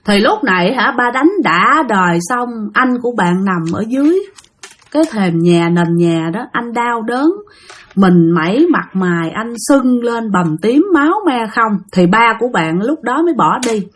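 A woman's voice: on the high side, expressive, moderate pace, husky. A woman retelling a life story dramatically and speaking directly to her listeners.

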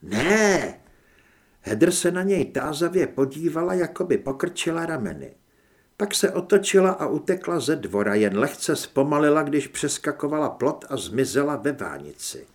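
A man's voice: fairly high pitch, sing-song. A man reading an audiobook in a dramatic, varied way as the narrator. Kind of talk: scripted narration.

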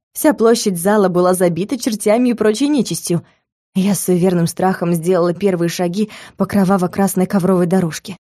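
A woman reading a first-person audiobook with even, expressive storytelling. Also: lowish voice, no echo, clean studio sound. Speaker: audiobook narrator.

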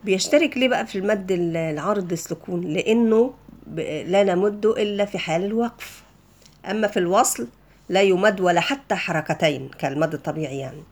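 A woman with an Egyptian Arabic accent teaching a tajweed lesson for beginners, explaining the rules step by step in relaxed colloquial speech. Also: fairly low pitch, fairly quick. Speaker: Quran recitation teacher.

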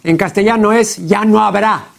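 In TV program audio with slight background noise, a high-pitched, gravelly-voiced host offers studio commentary on a translation. His manner is deliberate and pedantic, peppered with "pues" and frequent "¿no?".

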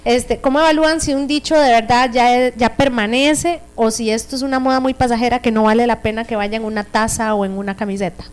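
High-voiced Costa Rican woman radio host. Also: fairly even intonation, a little fast, few pauses, clear, resonant tone. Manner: playful, acts out phrases with exaggerated tone. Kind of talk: casual radio chat.

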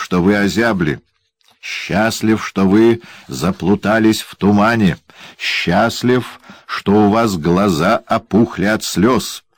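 A man's voice: on the low side, dry recording, pitched above the performer's own voice. A man voicing a spiteful, cruel male dwarf who jeers and snarls in an audiobook. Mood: gloating. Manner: jeering, shouting, sneering. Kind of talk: audiobook character voice.

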